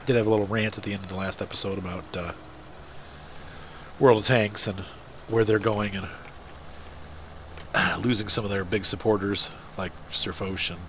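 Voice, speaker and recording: A middle-aged man with a stuffy nose hosts a gaming channel, chatting casually over a farming game. His lowish, pushed, bright voice keeps fairly even intonation at normal speed with long pauses, over a little hiss or hum. He rambles with lots of fillers.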